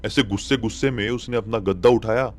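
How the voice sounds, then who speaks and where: A man telling a spoken horror story in a chatty, dramatic way, with sudden loud peaks. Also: on the low side, brisk.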